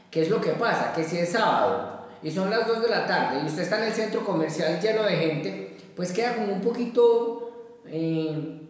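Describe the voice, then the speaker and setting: A man's voice: high-pitched, darkish tone. Echoey man explaining a self-help exercise. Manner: measured, explaining with everyday examples and frequent "¿sí?". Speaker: therapist giving a daily exercise. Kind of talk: spoken self-help talk. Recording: very echoey, roomy, slightly distant from the mic.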